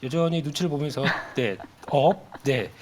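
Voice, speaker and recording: A man giving stock market commentary in a TV studio, with brisk, clipped calls. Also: on the high side, a little mellow.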